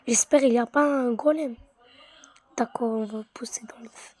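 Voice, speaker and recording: A woman's voice: on the high side, normal speed, dark tone, slightly rough. A woman giving casual gameplay commentary, muttering half-whispered asides to herself, repeating words and sounding easily bored. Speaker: gaming streamer.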